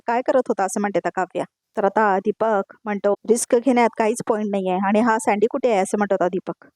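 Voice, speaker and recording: A woman's voice: medium pitch, a little mellow, dry recording, clean studio sound. A woman narrating a television serial recap, reading every character's lines and then naming who said them. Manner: retells each line then names the speaker. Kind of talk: voice-over recap reading all parts.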